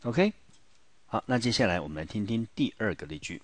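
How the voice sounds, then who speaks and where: Deep-voiced Taiwanese Mandarin teacher explaining. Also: male voice, animated, a little fast, dry recording. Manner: patient explaining, asks students rhetorical questions. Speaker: high school English teacher. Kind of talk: classroom vocabulary lesson.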